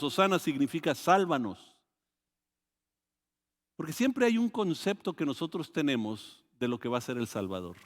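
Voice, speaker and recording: A man with a Mexican Spanish accent preaching a sermon, animated and full of restarts, acting out quoted voices with sudden loud rises. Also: mid-range voice. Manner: hesitant restarts and repeated words. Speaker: pastor. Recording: long hall reverb.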